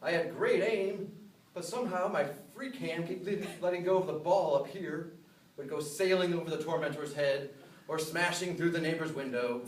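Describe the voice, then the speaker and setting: A roomy, distant recording with faint noise carries an American man's voice, pitched a little high. He performs a memorized humorous speech as a rehearsed storyteller, setting up self-deprecating lines with deliberate pauses. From upstate New York, USA. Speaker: contestant giving a humorous club speech. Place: live speech in a room.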